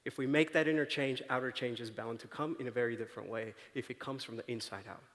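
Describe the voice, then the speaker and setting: A conference speaker with a mid-range, fairly bright voice talks fast in a conversational, story-driven style, often asking the audience "right?". He's on a large auditorium stage, where the big hall adds a long reverb, and there's slight background noise.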